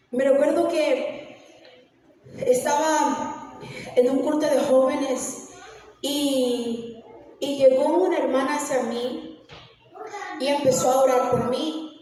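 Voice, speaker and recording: High-voiced young woman preaching in echoey hall. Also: mellow, slight background noise. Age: 20s. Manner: emotional storytelling, mixes in English words. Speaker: youth service preacher. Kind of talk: testimony sermon. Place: church sanctuary. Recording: echoey church hall from far off.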